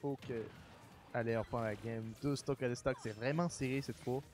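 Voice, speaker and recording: Male caster with a French accent, mid-pitched, laid-back, lots of filler, faint music behind. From Quebec, Canada. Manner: relaxed, chatty, trailing pauses and filler. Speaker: esports commentator. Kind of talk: casual game commentary.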